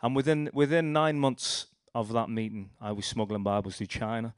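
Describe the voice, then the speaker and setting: A man's voice: mid-range voice, fairly even intonation, moderate pace, clean tone, no room sound, studio quality. A young man with a Liverpool accent giving a rambling personal testimony, telling his story with restarts and acted-out quotes. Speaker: speaker sharing a testimony.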